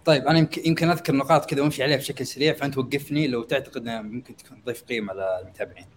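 A young man with a Gulf Arabic accent explaining conversationally as a guest expert, hesitant and pausing as he thinks aloud. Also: mid-range voice, a little hiss or hum. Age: young adult. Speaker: guest expert in startup marketing.

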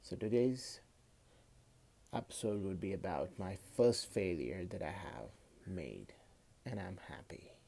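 A man in his late twenties with a Kashmiri accent, talking casually and haltingly as a podcast host, often repeating words, recorded on a phone. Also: low-pitched, big pitch swings, creaky, warm tone, slightly rough. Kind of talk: casual personal monologue.

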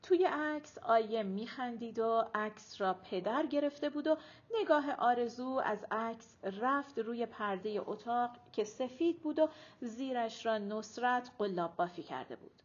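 A woman reading a novel aloud as audiobook narrator, expressive, dropping low at the ends of sentences. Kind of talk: scripted narration. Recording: dull lo-fi audiobook recording.

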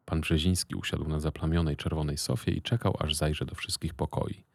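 A man narrating a first-person story as an audiobook, in a measured, wry, deadpan manner. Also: no echo. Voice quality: deep, gravelly. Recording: dry close recording.

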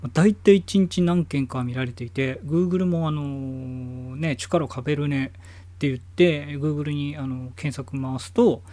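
A man's voice: fairly high pitch, a little slow, dark tone, no room sound. A man hosting his own podcast from home, rambling casually with many fillers. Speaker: podcast host. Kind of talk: casual solo podcast talk.

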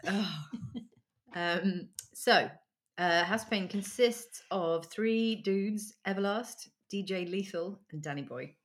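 A woman's voice: mid-range voice, takes it slowly. A woman hosting a casual music chat, giggly and rambling with lots of ums. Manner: chatty, giggly, trails off with ums. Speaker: podcast host.

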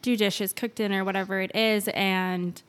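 A woman's voice: medium pitch, flat delivery, moderate pace, smooth. A woman in her thirties co-hosting a podcast, chatting casually and rambling with fillers and asides. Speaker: podcast co-host. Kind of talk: casual chat.

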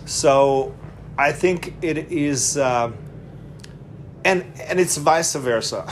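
There's a little hiss or hum as a middle-aged man from Hungary, voice a little high, speaks slowly with a Hungarian accent as a casual interview guest. He hesitates often, using many fillers and restarts, and laughs a good deal.

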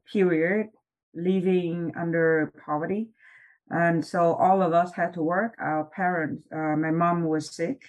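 A middle-aged woman from Vietnam, a professor and founder telling her story in an interview, speaking in a measured way with frequent pauses. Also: fairly low pitch, low-quality recording. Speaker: business school professor and founder, interview guest.

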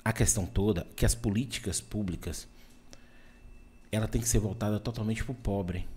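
A man with a Brazilian Portuguese accent in casual opinion chat, emphatic and animated, often restarting his sentences. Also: lowish voice, moderate pace, husky.

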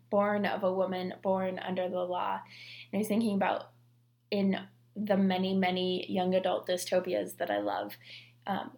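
Chatty woman with a creaky voice. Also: mid-range voice. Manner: chatty, many "like" fillers. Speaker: podcast co-host. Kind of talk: casual chat about scripture and fiction.

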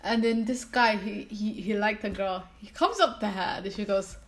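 A woman co-hosting a podcast in casual chat, slangy and animated, acting out quotes. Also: medium pitch, normal speed. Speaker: podcast co-host.

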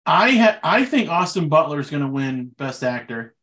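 A man's voice: fairly high pitch, moderate pace. Chatty man in casual movie talk. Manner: relaxed, chatty, trails off with fillers. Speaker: podcast co-host.

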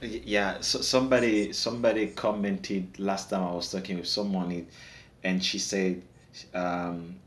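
A Haitian man, a native Creole speaker with a Haitian accent, talks earnestly as a guest in a casual podcast discussion, often repeating words while searching for them. His voice is low and fairly bright in tone, with fairly even intonation and an unhurried pace, and the sound is reverberant.

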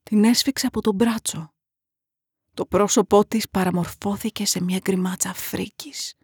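A woman narrating a horror story in a hushed, dramatic, often half-whispered way. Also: medium pitch, fairly even intonation, slightly rough, no room sound, clean studio sound.

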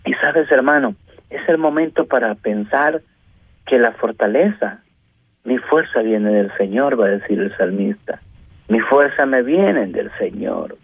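Gravelly-voiced preacher on tinny phone line. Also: male voice, mid-range voice, measured pace, no room sound. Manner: fervent, addresses listeners as brother and sister, rising rhetorical questions. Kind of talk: radio sermon.

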